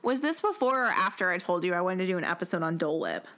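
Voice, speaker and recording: A young woman co-hosting a casual podcast, giggly and quick to react. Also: fairly low pitch, expressive, fairly bright tone. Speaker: podcast co-host.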